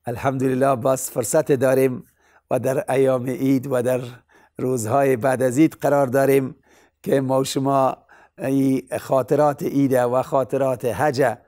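Flat, mellow lecturer. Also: male voice, medium pitch, dry recording, studio quality. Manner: calm, formal, pious address. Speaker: religious lecturer. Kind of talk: sermon-like talk.

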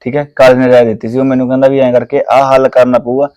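A man's voice: medium pitch, level tone, very fast, dark tone, smooth, no room sound, close to an everyday voice. An actor playing a scheming young village man plotting over land, with a Punjabi accent, insistent and argumentative. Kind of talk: Punjabi village short film acting.

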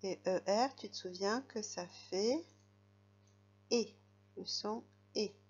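A woman's voice: medium pitch, slow, a little mellow, lo-fi sound. A woman teaching a young child to read, patiently spelling out letters and sounds. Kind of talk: reading lesson for a young child.

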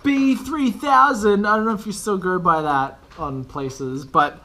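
A man's voice: high voice, a little slow, bright, forceful tone. A young man talking casually to his camera in a rambling, self-mocking vlog monologue. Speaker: vlogger.

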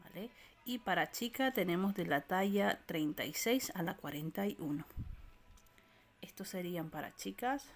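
Filming on a handheld phone while browsing, this woman vlogger gives a walk-through rundown of products in an indoor discount supermarket aisle. Her voice is lowish, her speed normal, and she lists prices and sizes in an even way.

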